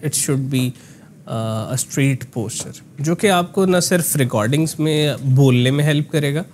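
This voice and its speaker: A man coaching voice work in a relaxed, explanatory conversation, often slipping English phrases into his talk. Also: mid-range voice, slow pace, a little hiss or hum. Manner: explanatory, mixes in English phrases, frequent "ना" tags. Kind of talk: conversational voice lesson.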